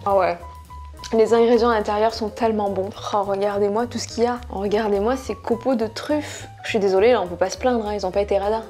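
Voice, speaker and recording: A woman's voice: mid-range voice, fairly even intonation, quick pace, warm tone, faint music behind. A woman in her thirties chatting candidly to viewers in a casual vlog, eating as she talks. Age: 30s. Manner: eating while talking. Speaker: food vlogger. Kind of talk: casual chat.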